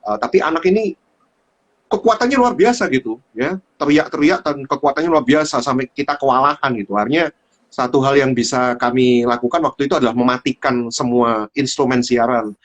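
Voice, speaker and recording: A man hosting a casual livestream chat, telling a story with animated delivery and lots of fillers. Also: mid-range voice, a little fast, lo-fi sound. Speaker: host. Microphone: livestream phone.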